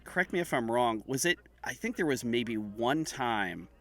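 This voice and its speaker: A man's voice: medium pitch, animated, moderate pace. A man co-hosting a podcast in casual chat, often hesitant and checking his own memory. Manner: hesitant, second-guessing himself. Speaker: podcast co-host.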